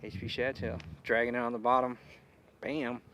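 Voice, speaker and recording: A man's voice: mid-range voice, flat delivery, normal speed, bright, forceful tone, a little hiss or hum. A young man chatting casually about fishing, recorded outdoors by a lake. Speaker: fishing companion.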